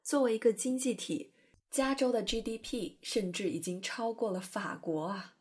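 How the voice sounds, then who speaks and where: Hosting an English-learning program, a woman talks in a chatty, playful way and demonstrates pronunciation carefully. Her voice is fairly high and a little mellow with a breathy edge, at a moderate pace, in the style of educational podcast narration.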